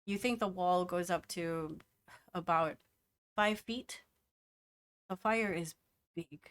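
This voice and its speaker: A woman running a tabletop game, narrating the scene in a relaxed, hesitant way with frequent fillers. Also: lowish voice, slow pace. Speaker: game master.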